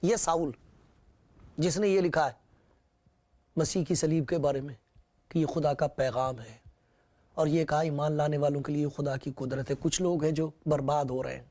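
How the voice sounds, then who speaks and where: A man's voice: on the high side, fairly even intonation, long pauses, mellow. A man preaching a sermon, retelling scripture with repetition and rhetorical questions.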